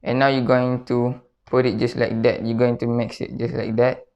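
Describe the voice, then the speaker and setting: Presenting a spoken card trick tutorial step by step, a man uses a mid-range, darkish voice with vocal fry, little pitch movement, and normal speed. He tends to repeat himself and checks in often with short tag questions, all captured in dull, lo-fi sound.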